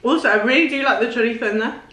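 A woman's voice: fairly high pitch, racing, fairly bright tone. A woman hosting a food challenge vlog, talking in an upbeat, enthusiastic, casual way. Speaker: channel host. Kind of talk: casual chat on camera. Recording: echoey room, faint music.

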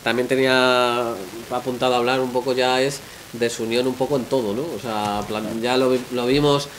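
Flat-toned man hosting a table talk. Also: medium pitch, moderate pace, slight background noise. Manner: questioning, lots of fillers and tag questions. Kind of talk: casual panel discussion. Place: restaurant dining room, indoors.

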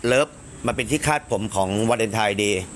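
A man chatting casually on a live stream, crude and talkative, jumping to a higher voice when he quotes others. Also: a little fast, fairly bright tone, slight background noise.

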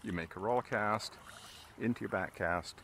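A lowish male voice at normal speed, with slight background noise. The speaker is a fly fishing instructor out on a river in a boat, relaxed as he casts and casually explains each step of fly casting while fishing.

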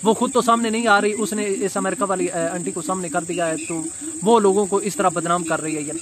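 High-voiced man vlogging outdoors. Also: steady tone, a crowd in the background. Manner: hesitant, many filler pauses. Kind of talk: casual commentary vlog. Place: outdoors beside a brick wall. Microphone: phone camera at arm's length.

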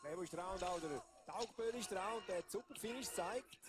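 A man's voice: sits high, a little fast. A man giving casual, explanatory expert analysis of a ski race. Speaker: expert co-commentator.

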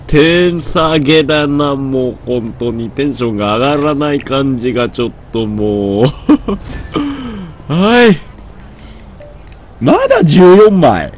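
A man's voice: mid-range voice, lively intonation, slow pace, pauses often, a little hiss or hum. A man with a stuffy nose, doing gameplay commentary, grumbling to himself and mock-scolding characters in the game. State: stuffy nose from hay fever.

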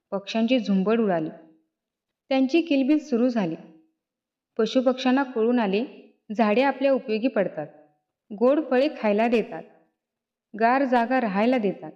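A woman reading a children's story aloud, in steady, gentle storybook narration, on a dull lo-fi recording. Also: fairly high pitch.

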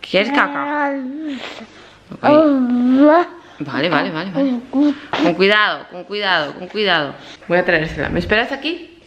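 A woman's voice: medium pitch, sing-song, a little slow, pauses often, a bit bright, dull audio, slight background noise. Woman vlogger gushing in baby talk. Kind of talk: casual home vlog. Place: home living room.

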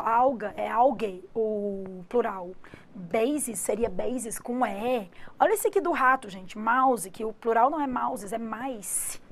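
Brazilian lady teaching english online, kinda high voice, keeps asking ok? né?. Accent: Brazilian Portuguese. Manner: lively, explains step by step with many tag questions. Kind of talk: online exam-prep lesson.

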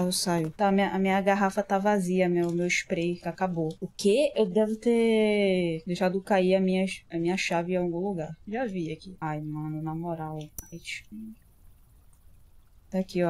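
A woman's voice: fairly low pitch, fairly even intonation, moderate pace, a little mellow. Jumpy, swearing woman gamer. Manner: jumpy, swears a lot, frequent startled yelps. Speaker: gamer streamer. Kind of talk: horror game let's play commentary.

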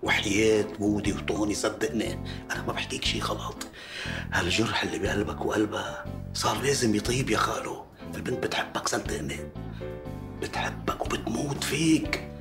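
A man's voice: on the low side, big pitch swings, brisk, creaky. A man in a dubbed TV drama, talking earnestly and pleading. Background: music score.

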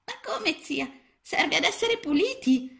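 A tiny, timid boy frog from a storybook, squeaking high and plaintive, as a woman narrator puts him on. He is fussy about staying clean, and his small voice swoops and lilts all over the place. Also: very animated, a little slow, vocal fry, a bit bright, exaggerated voice. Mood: timid pleading.

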